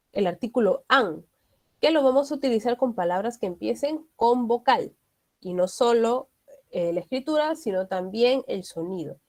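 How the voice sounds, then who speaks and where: A woman leads an English grammar lesson in a slightly high voice. She explains step by step and keeps checking that her students follow. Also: a little mellow. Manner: explanatory, often checks understanding with tag questions. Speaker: English teacher.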